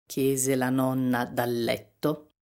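A woman reading a fairy tale aloud as narrator, in a calm, measured storytelling manner. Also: a bass voice.

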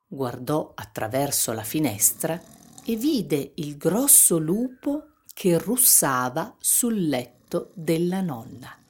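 A woman reading a fairy tale aloud as narrator, in a calm, measured storytelling manner. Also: sits low, breathy edge.

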